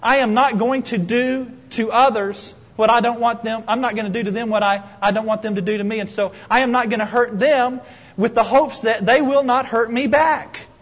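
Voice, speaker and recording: A man preaching a sermon as a pastor, telling a story in an animated, emphatic way. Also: extremely high pitch, moderate pace. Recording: long hall reverb.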